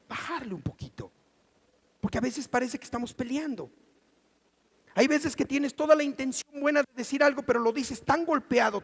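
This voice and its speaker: A middle-aged man with a Mexican Spanish accent preaching a sermon as pastor, animated and acting out the voices he quotes. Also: extremely high pitch, slightly rough. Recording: church hall reverb.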